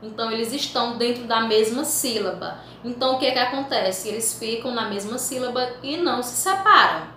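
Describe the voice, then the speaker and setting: A woman teaching a school language lesson, slowly stretching out and repeating example words so pupils can follow. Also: on the high side, lively intonation, pushed and bright, a little hiss or hum. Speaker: Portuguese teacher. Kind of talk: recorded remote school lesson. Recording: echoey room.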